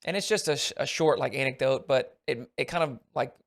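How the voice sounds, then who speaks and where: A man's voice: medium pitch, a little fast, vocal fry. An American man hosting a podcast, musing in a thoughtful, reflective way. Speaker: podcast host. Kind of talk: casual podcast chat.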